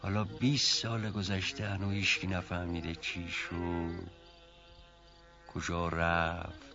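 Old rustic servant, folksy and rambling, muffled old TV audio. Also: male voice, low-pitched, flat delivery, pushed and bright, faint music behind. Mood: musing storytelling. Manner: folksy, rambling, hesitant then emphatic. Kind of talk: 1970s TV drama acting.

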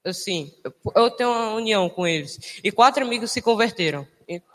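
High-voiced young man in an echoing hall. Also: lively intonation, fairly bright tone, a little hiss or hum. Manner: emotional, halting, restarts and laughs often. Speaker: church member giving testimony. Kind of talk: casual spoken testimony. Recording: long hall reverb.

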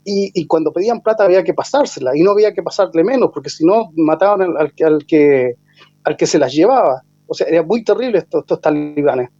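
A man with a high but soft, mellow voice works through a political analysis. He stumbles and repeats small words as he hunts for the next idea. The recording is dry and slightly muffled. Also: animated, no room sound. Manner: halting, repeats words while searching for the point. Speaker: political commentator. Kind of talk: analytical discussion. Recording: dull lo-fi, dry sound.

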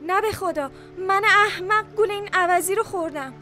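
An actress playing a frightened, remorseful young accomplice in an audio drama, protesting and pleading in anguish. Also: female voice, very high-pitched, bright, forceful tone, soft background music.

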